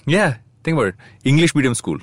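A man's voice: medium pitch, big pitch swings, quick pace, no room sound, studio quality. A man, middle-aged, with a South Indian accent, in casual conversation. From coastal Andhra and Bangalore, India.

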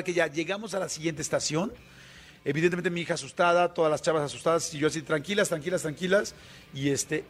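A man with a Mexican Spanish accent, hosting a radio show and telling a vivid anecdote in a chatty, casual way. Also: fairly high pitch. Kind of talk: casual on-air storytelling.

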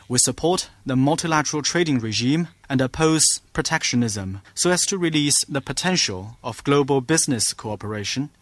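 A man speaking as a live interpreter, delivering a formal statement in a measured way. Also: mid-range voice, a bit bright, no room sound.

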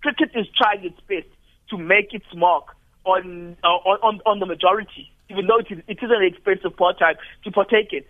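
High-voiced man on a tinny phone line. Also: no echo. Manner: measured, restarts phrases, builds arguments. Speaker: studio guest commentator. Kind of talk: radio talk analysis.

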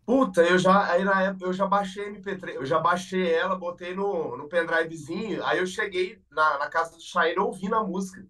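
A man telling an excited anecdote about his band, animated, swearing and stumbling over repeated words. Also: high-pitched, fairly quick, hardly any pauses, far from the mic. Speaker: band member, interviewee.

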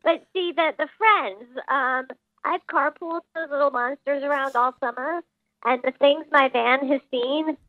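A woman's voice: high-pitched, a little slow, no room sound. A woman calling into a radio show with her voice disguised by a voice changer, speaking bluntly and without apology. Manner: blunt, unapologetic. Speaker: caller. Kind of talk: radio call-in chat. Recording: phone line, dry.

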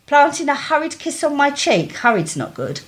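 A woman with an East London accent, reading a story aloud with blunt, chatty asides in an animated way. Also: high voice, moderate pace. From East London, England.

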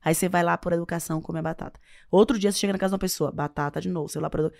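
A woman's voice: fairly low pitch, rapid-fire, creaky, dry recording, studio quality. A woman, an author answering interview questions with advice and leaning hard on key words. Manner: expressive, stressing words as she explains. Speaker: author and guest.

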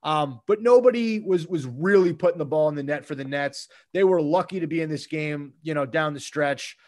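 A man co-hosting a casual sports talk show, animated as he rattles off game stats and recaps plays. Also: fairly high pitch, normal speed. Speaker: sports podcast co-host.

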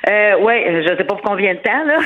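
A woman with a Québécois accent, a comedian guest chatting casually, talking quickly with many fillers and restarts. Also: mid-range voice, fairly bright tone. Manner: rapid, hesitant, full of fillers and restarts. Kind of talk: casual interview chat. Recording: narrow phone-like radio sound.

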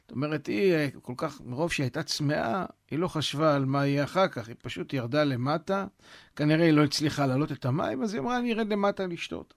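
A male rabbi with a fairly high voice and a dry, close sound tells a talmudic story as a lesson. He reads the old text slowly and dramatically, and his phrases sink at the ends. Then he retells each part in simple everyday words. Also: lively intonation, creaky, no room sound. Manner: dramatic read-aloud, drawn-out words and falling phrase ends; explains in plain words after each quoted line. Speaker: rabbi teaching a talmudic tale. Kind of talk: storytelling lesson, reading a source aloud and explaining it.

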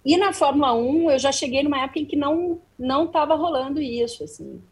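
A woman's voice: high-pitched, fairly quick. A middle-aged woman, a guest journalist telling stories in an interview, acting out the dialogue. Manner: animated, acts out quoted dialogue. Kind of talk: interview storytelling. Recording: slightly distant from the mic.

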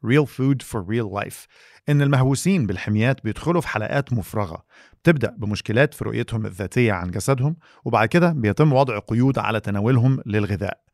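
A man's voice: mid-range voice, expressive, racing, a little mellow, dry recording, clean studio sound. A man with an Egyptian Arabic accent, co-hosting a podcast in a partly scripted presenting style. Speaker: co-host.

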